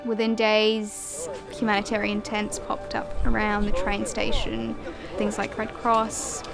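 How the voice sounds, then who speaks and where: A young woman from Ukraine, a journalist, giving measured, reflective documentary narration. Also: medium pitch, completely flat delivery. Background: music.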